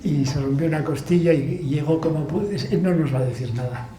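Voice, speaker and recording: A man with a Basque accent, an author telling stories to an audience in a relaxed, laughing way with many restarts. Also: fairly high pitch, brisk, noisy background. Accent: Spanish, Basque. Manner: storytelling with laughs and frequent restarts. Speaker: book author giving a talk. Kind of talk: relaxed anecdotal talk to an audience. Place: club hall with audience. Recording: echoey room, faint ambience.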